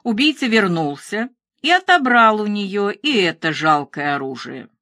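A woman narrating a thriller audiobook in a measured, even reading. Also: medium pitch, no echo, studio quality.

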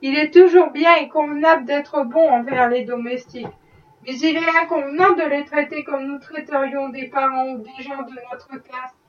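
A woman's voice: high-pitched, steady tone, moderate pace, echoey room, recorded from a distance, highs cut off, natural voice. A woman reading a novel aloud, voicing a haughty, self-pitying rich lady in a prim, disapproving way. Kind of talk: audiobook reading.

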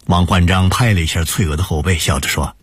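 A man narrating a story for radio in an expressive storytelling manner. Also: low voice, fairly quick, husky, no room sound.

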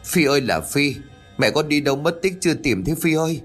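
A man's voice: on the low side, lively intonation, moderate pace, soft background music. A man voicing a pious middle-aged village father who speaks tearfully and pleadingly. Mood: crying.

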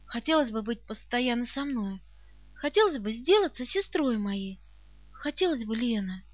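A woman voicing a gentle, serious girl who speaks earnestly and tenderly in an audiobook reading. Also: very high voice, expressive, a little slow, no room sound. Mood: solemn. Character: gentle serious rich girl, orphan's friend.

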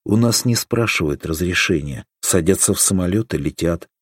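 A man reading a modern man's lines in an audiobook with a dry, deadpan manner. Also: sits low, normal speed, husky, no room sound. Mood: wry.

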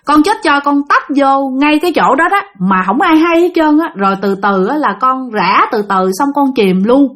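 Woman voicing a shrill drowned ghost. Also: normal speed. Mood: pleading. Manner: shrill, pleading and frantic. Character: wailing drowned ghost possessing a small girl.

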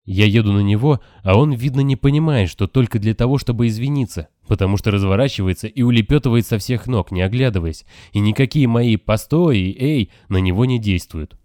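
A man reading a novel aloud in calm, even first-person audiobook narration. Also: fairly low pitch, a little fast, hardly any pauses, no echo, studio quality. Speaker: audiobook reader. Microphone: close, dry home recording.

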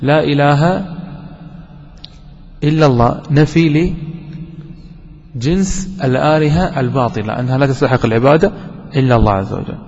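A man's voice: medium pitch, normal speed, pauses often, a little mellow, husky. Man teaching grammar in an echoey hall. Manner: asks questions and answers them himself, repeats key words. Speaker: sheikh teaching Arabic grammar. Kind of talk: classroom lesson explanation. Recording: dull lo-fi recording with long hall reverb.

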